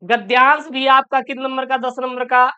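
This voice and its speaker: A man teaching an exam-prep lesson, reassuring his students and repeating key answers slowly, often asking and answering his own questions. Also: very high voice, little pitch movement, sharp tone, clear, resonant tone. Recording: dull lo-fi sound.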